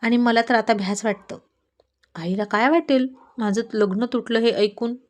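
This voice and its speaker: A woman's voice: fairly high pitch, fairly even intonation, normal speed, lightly acted. A woman voicing a bold, talkative young village woman who teases and chatters. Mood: pleading.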